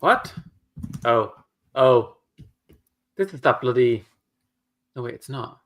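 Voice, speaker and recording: A man of middling pitch chats on a livestream, often half talking to himself. His asides come out dry and exasperated. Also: expressive, slow pace, muffled recording. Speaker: co-host of a writing livestream. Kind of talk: casual livestream chat.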